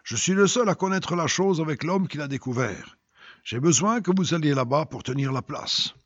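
A man's voice: a little high, animated, normal speed, no echo. A man voicing an eager landowner who urges in a raised voice. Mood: persuasive. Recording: dull lo-fi recording.

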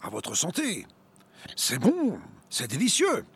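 A man's voice: a little high, wildly swooping pitch, takes it slowly, slightly rough, full character voice. A man voicing a sadistic male camp commandant in a gloating, mock-friendly way.

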